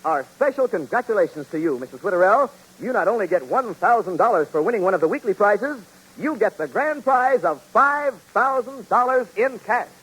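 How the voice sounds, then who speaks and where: Old radio show guy announcing, high voice, jumps around a lot, faint music behind. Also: animated, moderate pace, a bit bright, slightly rough, low-quality recording. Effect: old radio show broadcast.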